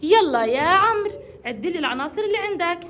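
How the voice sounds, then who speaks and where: A woman leads young children through a counting lesson, coaxing and praising each one. Her voice sits very high and sounds bright and clear, with a faint hum of room noise behind her. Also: expressive, fast. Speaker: kindergarten teacher. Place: classroom.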